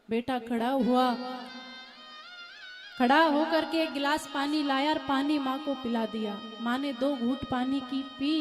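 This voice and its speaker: Preaching woman in an echoey hall. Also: high-pitched. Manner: acts out the voices of mother and son, rising loud in anger. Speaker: spiritual preacher. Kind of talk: devotional storytelling sermon. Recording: echoey hall with music behind.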